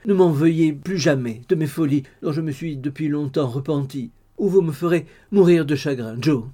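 A man's voice: a little high, moderate pace, mellow, natural voice. A man reading the lines of a tearful, ardent young woman in an audiobook, with fervent, sobbing pleas. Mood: tearful, pleading.

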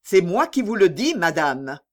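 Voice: medium pitch, big pitch swings, measured pace. A reader voicing an indignant male doctor who pleads passionately with a mother, in an audiobook reading. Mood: pleading. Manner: impassioned, pleading.

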